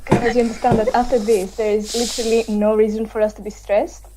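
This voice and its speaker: A woman's voice: on the high side, level tone, fairly quick, noisy background. A woman hosting an online panel discussion over a video call, chatty with many fillers. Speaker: host.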